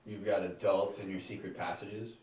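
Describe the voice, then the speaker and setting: A man's voice: low voice, level tone, normal speed, a little mellow. A man role-playing as a player in a tabletop game, with a dry, laid-back manner. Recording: echoey room, distant mic.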